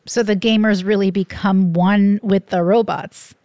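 Woman host, mid pitch, clear and composed interviewer. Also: steady tone, a little slow, a little mellow. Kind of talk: interviewing a guest.

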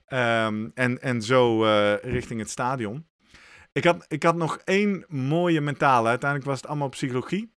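A man's voice: mid-range voice, normal speed, a bit bright, clear, resonant tone, dry recording, clean studio sound. A man on a podcast telling a story in casual chat, animatedly acting out his own thoughts.

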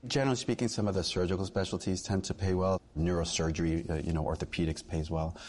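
A man's voice: low voice, fairly even intonation, fast talker, darkish tone. A man, a dean of admissions, explaining things in an interview with some fillers.

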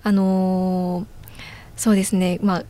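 A woman in her twenties, a guest on a podcast interview, telling her story in a measured way with many small fillers. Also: on the low side, little pitch movement, warm tone. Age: 20s. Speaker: guest job seeker.

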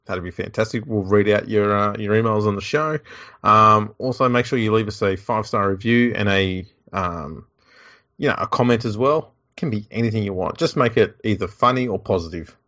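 Australian male podcast co-host, fairly low voice, laconic slangy drawl, relaxed chat, dull lo-fi sound. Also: moderate pace.

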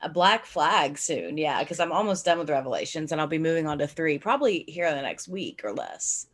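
A woman's voice: low voice, lively intonation, a little fast. A woman co-hosting a podcast in casual chat, reacting with curiosity and asking questions. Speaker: podcast co-host.

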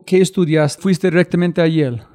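Lively high-voiced podcast host, man. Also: moderate pace, dry recording, clean studio sound. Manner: energetic, pitch jumps high for emphasis. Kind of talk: upbeat podcast intro and interview.

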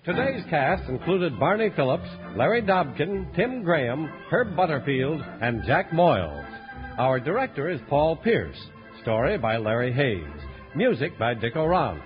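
An American man reads as an old radio announcer over music. His high voice rises and falls in a lively way, on a dull vintage recording. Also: unhurried. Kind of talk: old-time radio announcer, scripted sign-off.

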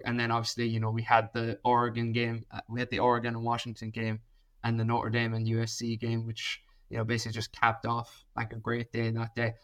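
Flat-pitched man with a Kerry Irish accent. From Kerry, Ireland. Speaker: podcast panellist. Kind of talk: casual sports chat.

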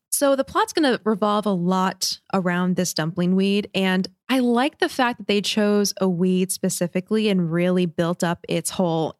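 A woman co-hosting a podcast, recapping an episode in a clear, friendly storytelling manner and chatting casually. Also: mid-range voice, no room sound, studio quality. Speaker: podcast co-host.

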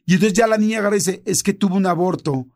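Speaking very fast and high, this middle-aged podcast co-host with a Mexican accent spins a casual, animated story. He performs the quoted dialogue himself, switching among many voices.

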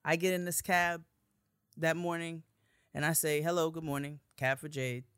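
A woman's voice: low voice, flat delivery, normal speed, fairly bright tone, clean tone, no room sound, clean studio sound. A young woman, a podcast co-host and student, telling a story in a casual chat with emphatic, profane bursts.

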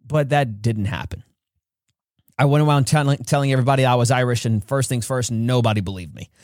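A man hosting a podcast, telling a personal story in an earnest way and acting out quotes with big jumps in pitch. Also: a little fast, darkish tone, no room sound, clean studio sound. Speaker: podcast host.

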